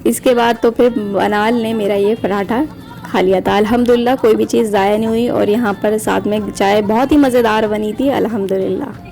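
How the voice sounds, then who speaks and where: A woman in her thirties narrating her family vlog in a calm, even voice-over. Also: mid-range voice, brisk, vocal fry. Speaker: family vlogger and mother. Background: soft background music.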